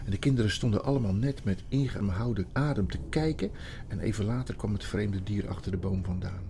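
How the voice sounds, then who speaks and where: A man reading a children's storybook aloud, telling the story in an expressive, dramatic way. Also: on the low side, fairly quick, a little hiss or hum. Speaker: audiobook narrator.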